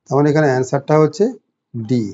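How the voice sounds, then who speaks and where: A man teaching an online exam-prep class with a Bengali accent, explaining step by step and reading questions slowly in English. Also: medium pitch, fairly even intonation, mellow. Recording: dull lo-fi audio.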